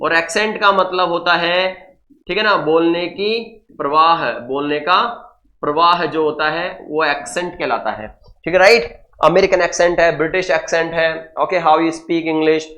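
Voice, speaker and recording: A man with a slightly high, somewhat slow, bright and forceful voice teaches English vocabulary in an online exam-prep class. He explains in Hindi mixed with English, often repeats key words, calls students "guys" and "sir," and frequently checks in with "okay."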